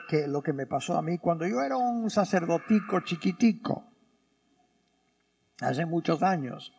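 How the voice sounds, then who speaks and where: A middle-aged man, a priest giving a sermon and telling a story, with pauses for emphasis and voices for the people he quotes. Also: sits high. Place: church. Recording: long church reverb.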